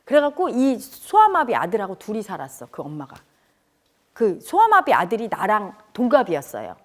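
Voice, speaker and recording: A middle-aged woman earnestly telling a painful childhood memory to an audience, her voice turning tearful at times. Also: medium pitch. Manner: tearful and earnest, rising to cries when reliving events. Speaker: speaker at a spiritual community talk. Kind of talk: emotional personal storytelling.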